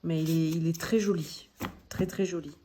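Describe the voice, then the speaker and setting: A woman casually showing her new card decks, talking in a gentle, hesitant way with many pauses and fillers. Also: deep voice, steady tone. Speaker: tarot deck vlogger. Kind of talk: casual show-and-tell.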